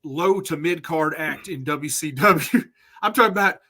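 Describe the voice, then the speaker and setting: A man co-hosting a casual podcast chat, animated and chatty. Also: on the high side, unhurried. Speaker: podcast co-host.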